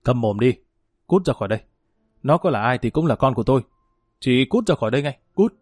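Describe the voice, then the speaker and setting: A man voicing an injured father in a hospital bed who snaps and shouts in a spoken family drama. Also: mid-range voice, lively intonation, brisk, breathy edge, dry recording, studio quality. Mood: angry. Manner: curt, shouting orders.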